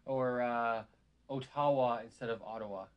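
A man hosts a laid-back conversation, his sentences wandering and rambling as he goes. His voice sits at an ordinary middle pitch. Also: normal speed, dull audio. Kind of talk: casual chat.

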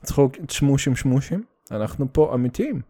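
A man's voice: mid-range voice, animated, dark tone. Guy with a russian accent doing a solo podcast, slangy and sweary, rambles and restarts a lot, drops english words. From Soviet Union. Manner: rambling, stop-start delivery. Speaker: podcast host. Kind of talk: casual solo podcast monologue.

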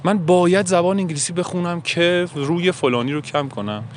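A self-help podcaster with a high voice, carrying a slight hiss or hum, delivers a reflective monologue. He sounds earnest and musing, frequently posing questions to himself.

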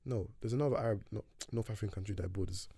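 A young man, rattling through casual podcast chat at a quick clip. He is laid-back and slangy, stumbles into restarts often, and sits close to a dry mic. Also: on the low side, gravelly, mellow, husky, dry recording. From Sudan. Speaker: podcast co-host.

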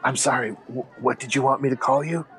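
A man's voice: medium pitch, fairly even intonation, fast talker, a bit bright, a faint crowd, close to an everyday voice. A man voicing an awkward male fight announcer who hesitates, apologizes, then calls out the fighters with forced showmanship.

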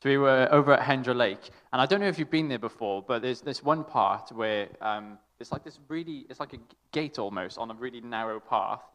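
A young man sharing a halting, affectionate story, with many restarts and laughs. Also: mid-range voice, fairly bright tone. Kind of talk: casual storytelling in a tribute. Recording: long reverb in a hall.

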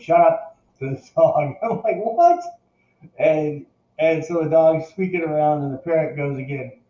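An older man with a mellow, dark voice speaks earnestly to his viewers, urging them on in a casual talk to camera. He often stumbles, repeating and restarting words. The recording sounds roomy and slightly dull. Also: medium pitch. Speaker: vlogger addressing viewers.

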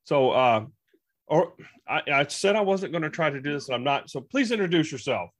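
A man's voice: a little high, animated, moderate pace. A man hosting his podcast, rambling and joking, often restarting his sentences. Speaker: podcast host. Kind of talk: casual interview conversation.

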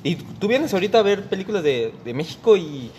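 Man, Mexican Spanish accent, young adult, podcast co-host, slangy banter, slightly high voice. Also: sing-song, fairly quick, darkish tone, muffled recording. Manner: slangy, swears freely, laughs mid-story.

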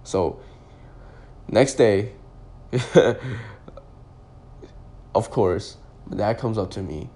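A man's voice: on the low side, very slow, long pauses, mellow. A young man in his twenties, a podcast host, telling a personal story in a loose, rambling way full of "like" and restarts. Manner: rambling, heavy use of "like" and restarts.

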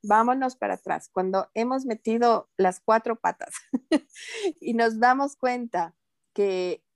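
A woman guest on a podcast, talking in a calm, earnest and gently reassuring way about spiritual matters. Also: a little high, takes it slowly, no room sound. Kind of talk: casual interview talk.

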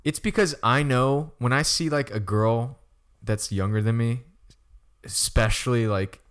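A man's voice: medium pitch, measured pace, clear, resonant tone. A young man co-hosting a casual chat, rambling with lots of stammered restarts and frequent laughter. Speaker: podcast co-host.

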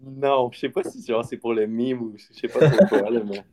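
A man's voice: mid-range voice, moderate pace. A young man co-hosting a podcast, telling stories in a chatty, slangy way. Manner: chatty, slangy, animated storytelling. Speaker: podcast co-host. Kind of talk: casual chat.

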